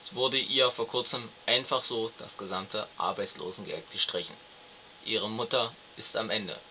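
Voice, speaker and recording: Male satirical magazine presenter, deadpan and mock-serious, bright delivery, slightly dull recording. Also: lowish voice, slight background noise. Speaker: host of a satirical magazine show. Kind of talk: mock news presenting, scripted narration.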